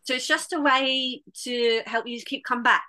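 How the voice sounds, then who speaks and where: A woman's voice: sits high, steady tone, a little slow, bright, forceful tone. A woman in casual conversation, talking in an earnest, reflective way with many restarts. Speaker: podcast guest.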